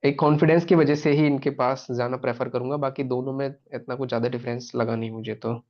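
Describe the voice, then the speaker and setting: A man of middle pitch weighs two practice calls in a hesitant, reflective way. He is heard over a slightly dull, lo-fi call line. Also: steady tone, a little fast. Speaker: trainee playing prospect. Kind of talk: casual call chat.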